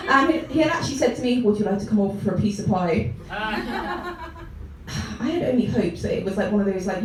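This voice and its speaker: A woman's voice: a little high, a little hiss or hum. A young woman performing a stand-up comedy set in a comedy club, rambling with many ums and frequent giggles. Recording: echoey club room, mic heard from a distance.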